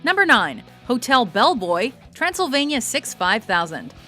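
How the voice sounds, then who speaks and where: A woman's voice: on the high side, sing-song, a little slow. A woman reading scripted countdown narration about films in a playful, punchy way. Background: music bed.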